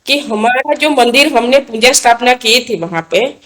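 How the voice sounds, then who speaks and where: A woman's voice: a little high, expressive, normal speed, a bit bright. An earnest woman speaks as an interview guest, recounting a personal faith experience in plain, casual talk. She circles back over her own words, repeating and restarting phrases as the story unfolds.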